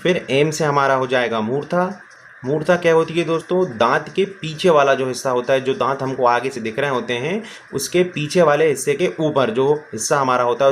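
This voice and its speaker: A male teacher giving a grammar lesson, who keeps asking questions and answering them himself, addresses viewers as friends, and slowly stretches out sounds as examples. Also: mid-range voice, slight background noise.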